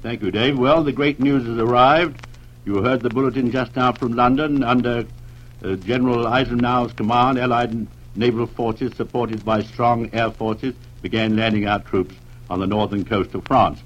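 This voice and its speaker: A man giving live radio news commentary, earnest and unscripted with frequent pauses, heard as an old 1940s radio broadcast. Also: mid-range voice, steady tone, slight background noise. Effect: old 1940s radio broadcast sound. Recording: dull lo-fi archival radio recording.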